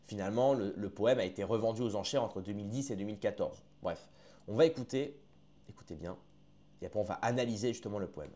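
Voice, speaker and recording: A man's voice: lowish voice, fast, dark tone. A man giving casual reaction commentary to his online viewers, chatty and often restarting his sentences, calling the audience his friends.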